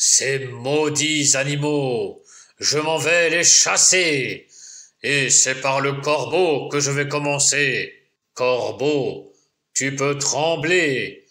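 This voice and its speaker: A man's voice: mid-range voice, slow, sharp tone. A man voicing a big, vengeful male woodcutter in a children's tale, swearing oaths and growling threats. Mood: grumbling threats.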